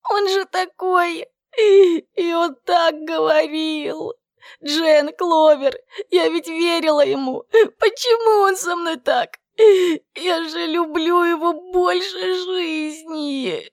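A woman's voice: extremely high pitch, slow, no echo, studio quality, voice pushed up, exaggerated voice. A woman voicing a young heartbroken girl who sobs as she talks. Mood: sobbing. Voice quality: tearful, sobbing. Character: young plump blonde girl, heartbroken and weepy.

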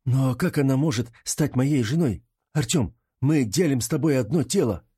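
A man voicing a young male mage who pleads slowly and sounds unsure, in an audiobook reading. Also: mid-range voice, expressive, mellow, husky, dry recording, studio quality, voice pushed up. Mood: bewildered. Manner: pleading, slow.

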